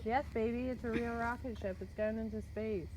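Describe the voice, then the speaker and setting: A woman chatting excitedly with her family outdoors at night, filmed on a handheld phone. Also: a little high, fairly quick, distant mic, heavy background noise. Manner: excited, exclaiming. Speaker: parent watching a rocket launch. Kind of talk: casual home video chat.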